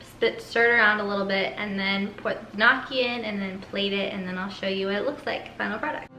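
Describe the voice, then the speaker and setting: A woman's voice: mid-range voice, steady tone, a little fast. Chatty woman in an echoey kitchen. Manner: chatty, many fillers like "um" and "like". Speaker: cooking vlogger. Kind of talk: casual cooking vlog. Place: home kitchen.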